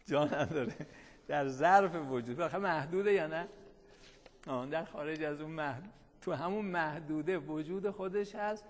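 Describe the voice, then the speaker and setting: A man with a fairly high-pitched voice lectures in a large hall. He reads a line of the text, explains it in everyday language, and frequently poses questions to the students before answering them himself.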